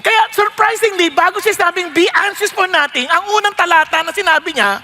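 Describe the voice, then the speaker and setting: A man preaching as a pastor with a Filipino accent, animated, acting out the people in his stories. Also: extremely high pitch, a little fast. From Philippines. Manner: animated, acts out quoted people with shouts and laughs. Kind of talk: sermon with storytelling. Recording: long reverb of a hall.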